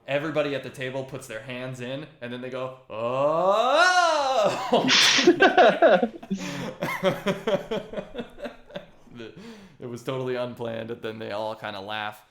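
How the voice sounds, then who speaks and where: A man's voice: mid-range voice, little pitch movement, quick pace, hardly any pauses, a crowd in the background. A man narrating a tabletop game as game master, laid-back and full of hesitations. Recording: roomy echoey room.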